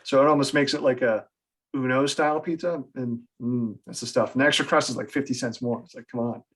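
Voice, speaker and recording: A man's voice: mid-range voice, fairly even intonation, fairly quick, a bit bright. American guy on a podcast, chatty, pokes fun at himself, laughs a lot, medium voice. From United States. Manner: chatty, self-deprecating, laughs often. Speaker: podcast guest, author. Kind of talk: casual interview chat.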